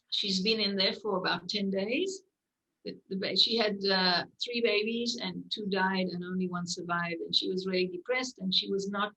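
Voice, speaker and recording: A woman recounts a story in an interview, at a middle pitch. She pauses with "um" and "uh", stops and restarts sentences, and slips into lively bits where she acts out her own past lines. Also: rough recording. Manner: many fillers and restarts. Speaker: medical clown.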